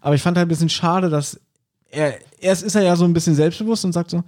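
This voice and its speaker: Mellow-voiced male podcast co-host. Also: on the high side, fast. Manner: retells scenes and quotes the characters. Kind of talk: casual chat recapping a radio drama.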